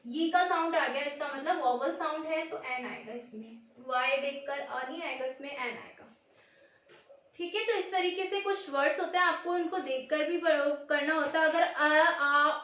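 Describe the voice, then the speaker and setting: A woman's voice: high-pitched, a bit bright, muffled recording. A woman teacher giving a grammar lesson, patiently repeating words and answering her own questions. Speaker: school teacher. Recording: very echoey room.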